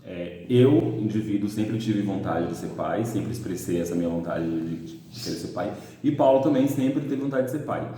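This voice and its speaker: Man in his thirties, dark echoey voice. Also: lowish voice, moderate pace, few pauses. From Salvador, Bahia, Brazil. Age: 30s. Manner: thoughtful, searching for words. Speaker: adoptive father interviewee. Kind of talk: documentary interview. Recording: echoey room on a phone.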